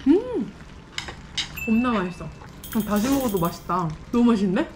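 Woman, eating vlogger, mouth full of noodles, higher voice, very lively pitch, hums between bites. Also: moderate pace, noisy background. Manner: murmurs and hums between enthusiastic exclamations. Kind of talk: casual eating vlog chat.

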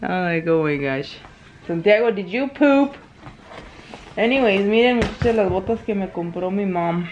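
A woman's voice: mid-range voice, animated, a little slow, highs cut off, a little hiss or hum. A young woman from Mexico, chatting casually in a home vlog, mixing Spanish and English and laughing often. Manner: switches between Spanish and English mid-sentence. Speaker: vlogger.

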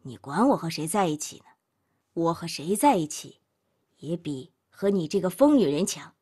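Give me a woman playing a furious, worn-out young man in an audiobook, his voice pushed down well below her own and slightly husky. He speaks in hard, clipped bursts that turn coldly resigned. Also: on the low side, big pitch swings, moderate pace, warm tone, pitched below the performer's own voice. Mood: angry. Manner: harsh, clipped, then bitterly pleading. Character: angry young man breaking up, cold and exhausted.

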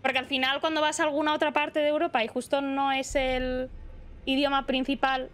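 Chatty young woman streamer, high voice. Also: flat delivery, brisk, a bit bright. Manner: chatty, reads chat aloud, rambling. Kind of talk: casual chat while gaming.

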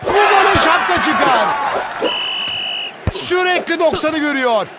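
A man voicing an excitable football commentator in a video game, with screaming, exclamatory calls. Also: very high-pitched, a little slow. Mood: keyed-up. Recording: game music and crowd noise behind. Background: music and stadium crowd.

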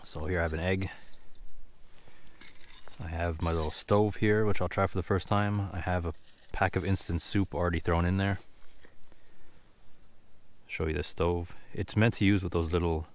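A man's voice: low-pitched, steady tone, normal speed, long pauses. A young man casually chatting to camera while cooking at a winter campsite in a snowy forest, offhand and thinking aloud as he goes. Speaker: outdoor vlogger.

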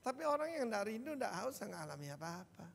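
An older man preaching a sermon as senior pastor, animated, with sudden loud bursts, and he keeps addressing the congregation directly. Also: high-pitched, brisk, gravelly. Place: large church hall. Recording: long church-hall reverb.

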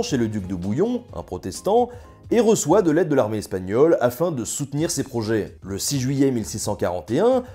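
Lively, jokey young man telling history. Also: mid-range voice. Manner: jokey, ironic, slangy asides. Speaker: history video host. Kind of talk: casual scripted history narration.

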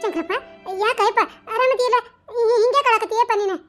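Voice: very high voice, fairly quick, fairly bright tone, soft background music. A voice actor playing an anxious, doting old village mother in a cartoon, pleading and wailing with a North Karnataka accent. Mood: worried. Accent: North Karnataka Kannada. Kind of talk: cartoon voice acting.

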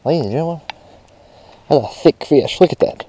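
A young man, vlogging excitedly while fishing at a rural pond, recorded on a chest-mounted action camera. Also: on the high side, brisk. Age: young adult. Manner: excitable, shouts with joy over big catches. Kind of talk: casual vlog narration while fishing. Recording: faint outdoor noise, action camera.

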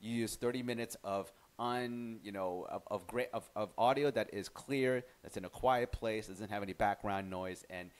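A man with a fairly low voice walks viewers through a software tutorial. He is chatty and relaxed, often trailing off and restarting his sentences. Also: moderate pace, hardly any pauses. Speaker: tutorial host. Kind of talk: casual screen-recorded software tutorial.

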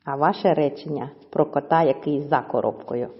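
A woman teacher giving a slow, clear lesson to children, stretching words out syllable by syllable. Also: low-pitched. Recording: dull audio with long reverb.

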